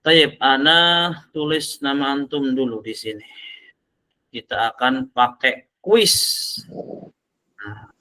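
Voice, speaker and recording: Bright-voiced man teaching Arabic online. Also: mid-range voice. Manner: slowly sounds out Arabic words, then explains. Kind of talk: online language class.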